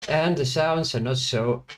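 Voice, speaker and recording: There's slight background noise as a mid-range-voiced man plays a language-guessing game for his stream. He stumbles through his reasoning with fillers and corrections, chatting with viewers in between guesses.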